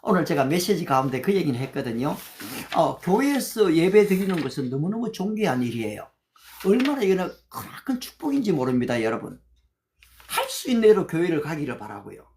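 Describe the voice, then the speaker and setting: A woman pastor from Gyeongsang giving a livestreamed sermon, answering viewer comments and reciting English Bible verses slowly and carefully between conversational, encouraging remarks. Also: fairly low pitch, a little mellow, a little hiss or hum. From Gyeongsang, Korea. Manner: conversational and encouraging, often addressing listeners directly.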